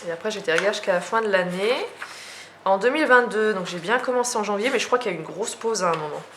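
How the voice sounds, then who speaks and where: A young woman with a French accent talks through her notebooks in a relaxed, chatty way, often pausing on fillers and restarting her sentences. Her voice sits at an ordinary middle pitch. A faint hiss of noise runs under the recording. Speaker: journaling vlogger. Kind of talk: casual show-and-tell.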